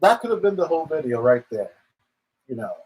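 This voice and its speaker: A man's voice: on the high side, very animated, a little fast, a little mellow, husky, poor audio. A man delivers a casual opinion rant in the manner of an online commentator. He rambles along, leaning often on little verbal tics.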